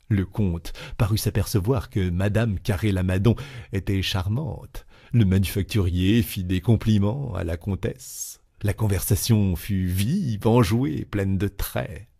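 A man reading a classic novel aloud in a measured, expressive narration. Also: fairly low pitch, gravelly, breathy edge. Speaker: audiobook reader.

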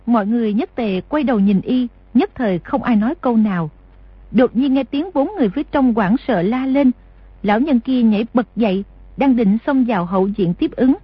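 A woman narrating an audiobook in a steady, measured reading voice. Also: fairly high pitch, husky, no room sound, muffled recording. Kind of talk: scripted narration.

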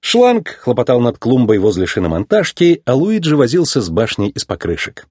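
Guy reading a kids story, animated, slightly husky, dry close sound. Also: mid-range voice, moderate pace, no echo. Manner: expressive, lively storytelling. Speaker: narrator. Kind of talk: storybook read-aloud.

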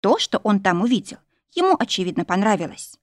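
A woman's voice: medium pitch, very animated, fairly quick, no room sound. Woman narrating a romance audiobook, close and dry.

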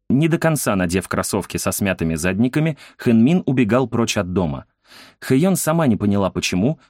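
A man reading an audiobook in calm, even scripted narration. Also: on the low side, no echo, studio quality.

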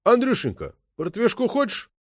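A man voicing a gruff, unflappable boatswain cop with a bass voice in an audiobook. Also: sing-song, normal speed, darkish tone, dry recording, studio quality. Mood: gruff coaxing.

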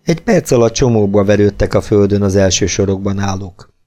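A man narrating an audiobook in a steady, measured reading voice. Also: on the low side.

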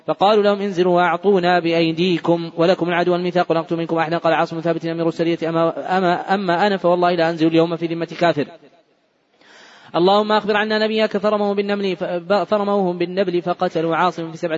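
A man's voice: high voice, little pitch movement, very fast, dull audio. A man reading hadith aloud at speed in a mosque, restarting words he stumbles on. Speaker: hadith reader. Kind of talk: rapid recitation of hadith text. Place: large mosque.

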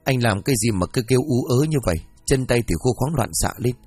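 A man voicing a blunt, irritable young married woman who talks quickly and directly. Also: medium pitch, expressive, a little mellow, breathy edge, soft background music. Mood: annoyed.

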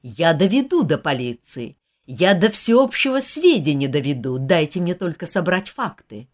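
A woman voicing a young male officer, agitated and insistent, close to shouting. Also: lowish voice, very animated, normal speed. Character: angry young male officer, grieving his brother.

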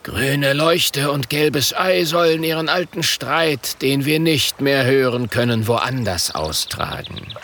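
A man voicing an old, solemn great chief who speaks slowly and murmurs his pronouncements, in a storybook reading. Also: medium pitch, fairly bright tone, slight background noise, voice pushed up.

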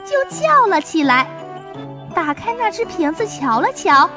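Woman storyteller for kids, very high and bright, slow lilting pace, faint music behind. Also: big pitch swings. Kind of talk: children's story narration.

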